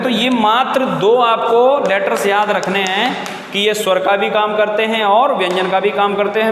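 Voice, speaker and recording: A high-voiced male teacher talks slowly and patiently, repeating each key term and drawing out the words so his pupils can follow. He fondly calls his viewers children. The room is echoey, with a long reverb tail. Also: bright, forceful tone, a little hiss or hum. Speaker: English grammar teacher. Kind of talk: classroom-style video lesson.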